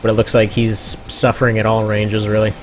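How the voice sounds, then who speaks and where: A man's voice: lowish voice, completely flat delivery, a little fast, soft background music. Chatty man commentating a game. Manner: chatty, laughs often, trails off. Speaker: stream commentator.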